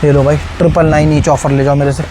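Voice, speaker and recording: A man selling shop stock in an insistent, repetitive teleshopping-style sales pitch, calling out prices. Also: flat delivery, fast, crowd noise, poor audio. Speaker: shop seller presenting stock on video.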